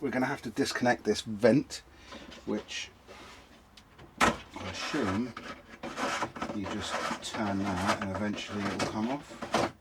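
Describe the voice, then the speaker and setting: A man's voice: lowish voice, fairly even intonation, slow pace, long pauses. A middle-aged man from the UK vlogging casually inside a motorhome, muttering and grumbling to himself as he works on repairs. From United Kingdom. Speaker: travel vlogger. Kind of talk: casual self-talk while doing repairs. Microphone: camera mic set down nearby. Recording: noisy camera recording with clicks.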